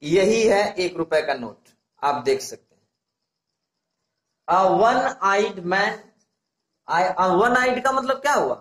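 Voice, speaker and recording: Slow, patient male English teacher. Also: high voice, animated, fairly bright tone. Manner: slow, patient, asks and answers own questions. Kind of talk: classroom grammar lesson. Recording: echoey room.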